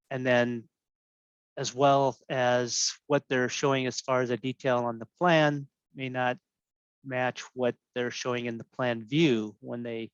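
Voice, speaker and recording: A man's voice: mid-range voice, creaky, no room sound, highs cut off. A man on a training panel answering with many fillers and restarts, his video call audio glitching and cutting out. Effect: glitchy, dropping-out video call audio. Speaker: plan reviewer on a training panel.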